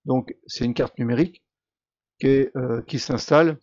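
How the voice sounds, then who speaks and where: A man of middle pitch explains a product in a casual, conversational walkthrough, often stopping on filler sounds as he gathers his thoughts. The recording is dry and close, with a dull, somewhat lo-fi tone. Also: moderate pace, darkish tone, no echo. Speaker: video creator presenting a crypto product. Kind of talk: explanatory screen-share walkthrough.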